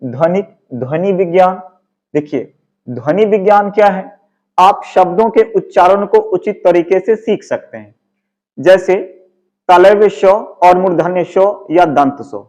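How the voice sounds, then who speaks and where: Male teacher, Bihari Hindi accent, high voice, walks through exam answers by asking and answering his own questions. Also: a little slow, a little mellow, muffled recording. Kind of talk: exam-prep lesson explaining answers.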